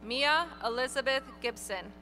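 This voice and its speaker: A woman reading graduates' names one by one at an outdoor graduation ceremony, in a clear, measured announcing manner. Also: sits high, bright, forceful tone, a little hiss or hum. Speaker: graduation name reader. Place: outdoor stadium ceremony over PA.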